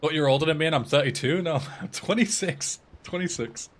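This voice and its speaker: A young Englishman in his twenties, a streamer and speedrunner, chats casually on a livestream and reads out and answers viewers' messages. His voice is fairly high-pitched and a little fast, with an English accent.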